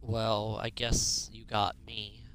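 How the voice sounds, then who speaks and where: A man's voice: fairly low pitch, monotone, slow, fairly bright tone. A man playing a puzzled, wry time-travelling doctor in an improvised, casual game role-play. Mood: wry, curious.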